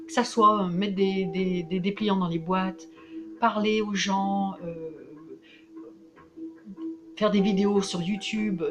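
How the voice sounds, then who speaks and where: A woman from France talking in a casual vlog monologue, excitable and emphatic, with frequent restarts. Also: medium pitch. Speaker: vlogger.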